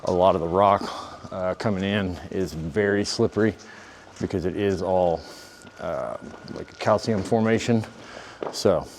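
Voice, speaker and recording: Man, casual vlog host, lowish voice, cave echo, noisy ambience. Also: unhurried. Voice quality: echoing cave sound. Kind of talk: casual walk-through vlog. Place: inside a large limestone cave. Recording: echoing cave with background noise.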